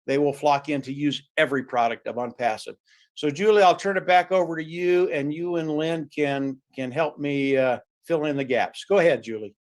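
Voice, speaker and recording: A man presenting on a webinar video call, giving a punchy, repetitive motivational sales pitch. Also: moderate pace.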